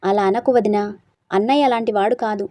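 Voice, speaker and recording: A woman's voice: medium pitch, a little fast, dark tone, dry recording, lightly acted. Younger brother figure, breezy, coaxing, joking, dry, read by a woman.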